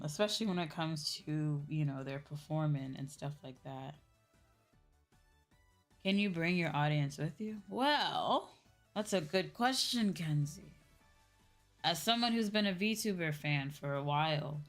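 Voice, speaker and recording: A low-pitched woman, a VTuber host, answers viewers during a casual livestream chat. Her explanations are informal and repetitive, and she frequently checks in with "right?". Faint music can be heard in the background.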